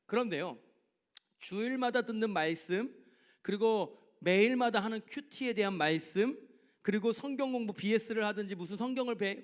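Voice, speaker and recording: A man, a youth pastor, preaching to teenagers in a church service, telling personal stories and putting questions to them. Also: high-pitched. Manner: animated, asks the teens direct questions. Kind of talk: youth sermon with personal storytelling.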